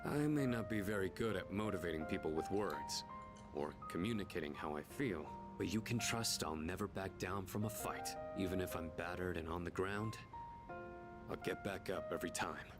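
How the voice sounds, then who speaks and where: An actor playing an earnest, determined teenage boxer in a dubbed anime game, resolute and plain-spoken. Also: male voice, sits low, moderate pace, natural voice. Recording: loud music over the dialogue.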